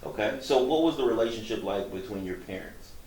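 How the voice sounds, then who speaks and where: A male talk show host introduces his guests and asks questions in measured, formal sentences. His voice is fairly low. He was recorded from a distance in an echoey room. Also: animated, darkish tone, a little hiss or hum. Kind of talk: interview hosting.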